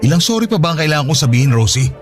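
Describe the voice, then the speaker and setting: In an audio drama, a man plays an irritable, evasive young boyfriend making excuses, sounding defensive and exasperated. His fairly high voice is sing-song and rapid-fire, with faint music in the background.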